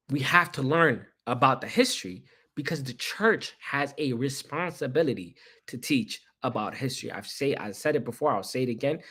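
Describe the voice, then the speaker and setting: A man's voice: fairly high pitch, bright, forceful tone. A young man, born in Ethiopia, gives a casual spoken history talk, talking conversationally and asking rhetorical questions. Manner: conversational, repeats himself, asks rhetorical questions. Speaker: history presenter.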